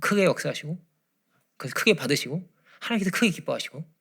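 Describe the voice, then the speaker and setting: A man preaching a Friday prayer-meeting sermon, swinging from loud emphasis to hushed near-whispers. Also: fairly high pitch, animated, fast talker, vocal fry, slightly rough. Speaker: pastor. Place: church.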